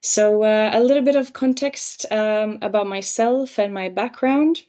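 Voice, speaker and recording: A young woman raised in Romania and Finland, giving a measured career panel talk with frequent ums and uhs. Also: medium pitch, mellow.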